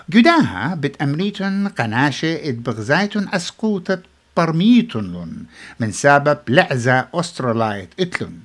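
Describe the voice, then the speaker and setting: A language teacher explaining short English phrases and cueing the listener to repeat them. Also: mid-range voice. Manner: explains then cues repetition.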